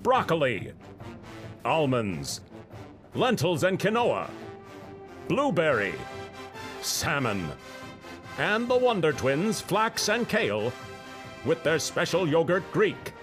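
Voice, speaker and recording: A man's voice: a little high, wildly swooping pitch, takes it slowly, long pauses, exaggerated voice. A man playing a grandiose, mock-epic announcer for a superhero cartoon parody. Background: music.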